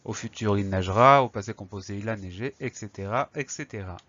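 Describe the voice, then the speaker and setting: A man's voice: fairly low pitch, fairly quick, a bit bright, muffled recording. Man patiently spelling out French words. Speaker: teacher. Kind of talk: spelling lesson.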